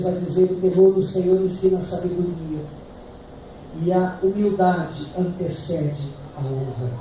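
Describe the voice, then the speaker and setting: A middle-aged man with a Brazilian Portuguese accent, preaching a sermon as pastor, fervent and building to loud emphatic peaks. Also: sits high. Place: church hall. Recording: echoey hall, distant mic, noisy.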